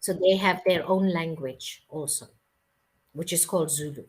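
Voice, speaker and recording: A South African woman tutors English over a video call in a casual conversation, explaining patiently and checking she's been understood. Her voice is low-pitched and her pace moderate.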